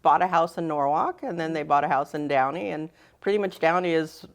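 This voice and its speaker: A woman's voice: low-pitched, a little fast, vocal fry. A middle-aged woman guest, born in the Philippines and raised in Southern California, chatting casually in an interview, laughing easily and trailing off with "you know". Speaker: guest, fashion design instructor.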